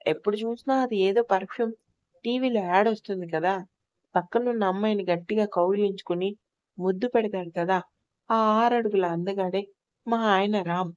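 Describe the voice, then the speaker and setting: A woman voicing a tearful, angry young newlywed in an audio story, with sharp, indignant complaining, on a slightly dull lo-fi recording. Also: mid-range voice, normal speed, no echo, natural voice.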